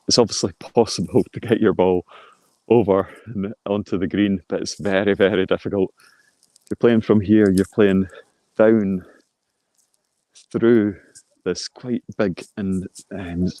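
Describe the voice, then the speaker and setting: Low-voiced man commentating on golf. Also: dark tone, dry recording. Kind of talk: live golf commentary, informal and explanatory.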